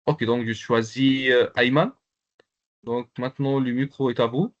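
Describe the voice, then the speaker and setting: Halting male teacher on a video call. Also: mid-range voice, fairly even intonation, muffled recording. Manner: hesitant, repeats words, slow careful explanations. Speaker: Arabic teacher. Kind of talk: online language lesson.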